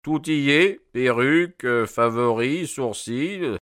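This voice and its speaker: A man reading a story aloud voices a self-assured, gently amused detective who gives firm instructions. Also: medium pitch, slow pace, no room sound, clean studio sound, pitched above the performer's own voice. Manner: wry, assured. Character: amused, commanding male detective.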